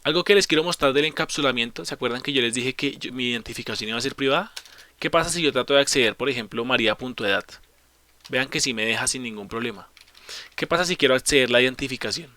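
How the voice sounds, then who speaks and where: A man leads a coding tutorial in a bright, clear voice, explaining each step patiently. He asks rhetorical questions and answers them himself, and fixes his small slips on the fly. Keyboard typing can be heard in the background. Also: medium pitch, quick pace. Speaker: programming teacher. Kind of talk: screen-recorded coding tutorial.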